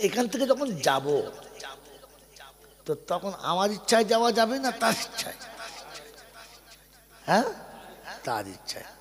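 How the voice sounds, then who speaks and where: A male preacher delivers a lively sermon, telling stories and calling on the crowd to answer him. His voice sits high and swings widely in pitch. It rings out with a long reverb. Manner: storytelling, calls on the audience to answer.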